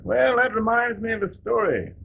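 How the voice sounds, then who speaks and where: An actor playing a weary, folksy elderly president who speaks in slow homespun stories, heard as early talkie film sound. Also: male voice, sits high, sing-song, vocal fry, full character voice. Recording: tinny, hissy 1930 film soundtrack.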